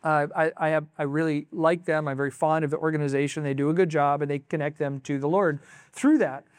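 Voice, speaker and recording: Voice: mid-range voice, fairly even intonation, fairly quick, clear, resonant tone, dry recording. Emphatic preacher, dry sound. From United States. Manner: emphatic, exclaiming asides. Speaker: pastor. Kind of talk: sermon.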